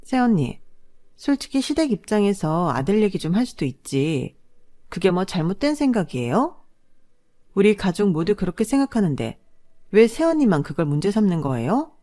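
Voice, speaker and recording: A woman's voice: medium pitch, very animated, moderate pace, warm tone, voice pushed up, natural voice. A woman voicing a young sister-in-law who talks in a mocking, sarcastic way. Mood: sneering. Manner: sneering, sarcastic.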